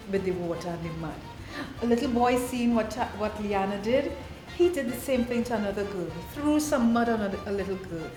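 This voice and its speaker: A woman storyteller with a Trinidadian accent reading a children's story aloud in a lively, dramatic way. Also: mid-range voice. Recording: roomy echo with music behind.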